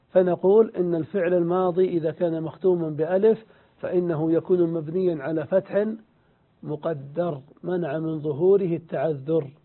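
Male grammar teacher, high-pitched voice, phone-quality audio, methodical lecture delivery. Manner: slow, deliberate explaining, repeats examples, asks and answers his own questions. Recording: tinny phone-like sound.

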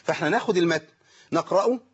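An Egyptian man teaches a recitation class over an online call, his voice slightly high and his speech quick. He poses questions to the class and answers them himself. The call audio sounds dull and muffled. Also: breathy edge. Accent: Egyptian Arabic. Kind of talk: online lesson.

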